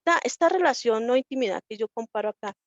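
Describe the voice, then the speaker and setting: A woman's voice: on the high side, expressive, fast talker, no room sound, muffled recording. Woman teaching a Bible class. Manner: conversational, repeats herself, acts out quoted people.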